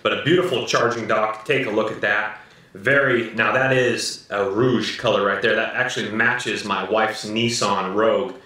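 In his living room, a slightly hoarse American man in his thirties reviews and unboxes a gadget casually and cheerfully, repeatedly calling it "very, very cool, guys." His lowish voice is bright and forceful, with fairly even intonation and a moderate pace, caught by a slightly distant camera mic in an echoey room.

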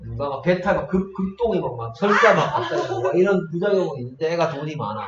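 A man's voice: on the high side, sing-song, quick pace, over a noisy crowd. Male teacher, raised voice, spinning a funny story for his class, picked up from far off in a dull, echoey room. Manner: playful storytelling, keeps checking in with students. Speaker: English teacher. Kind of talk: classroom lecture with a joking story.

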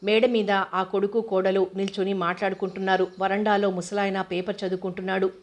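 A woman reading a novel aloud as an audiobook narrator, in a steady, even manner. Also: medium pitch, a little fast.

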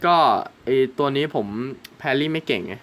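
A man's voice: on the high side, animated, moderate pace, a bit bright, slight background noise. A young man hosting his gaming channel, chatting casually through gameplay and swearing and exclaiming at the game.

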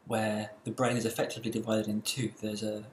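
A man giving a recorded university lecture, explaining in a measured way with occasional fillers. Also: lowish voice, completely flat delivery, reverberant, slight background noise.

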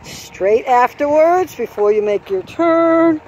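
With a high-sitting, expressive and darkish voice, a course designer walks an outdoor horse course and explains each obstacle without hurrying, correcting herself at times. The handheld phone camera picks up faint outdoor noise, and she is sometimes far from the mic.

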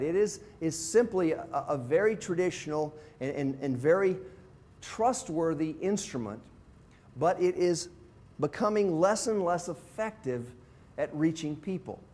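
Around sixty, this visiting pastor from abroad in South Africa delivers a relaxed, plain-spoken lesson to a group, breaking things down step by step. His voice is fairly high, animated and darkish, at a measured pace, captured by a lapel mic in an indoor classroom with whiteboard and screen.

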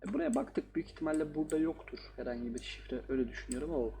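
A man's voice: on the high side, very animated, racing, vocal fry, mellow, slight background noise. A man playing a horror game and commenting casually, joking and talking back to the characters on screen. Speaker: gaming YouTuber.

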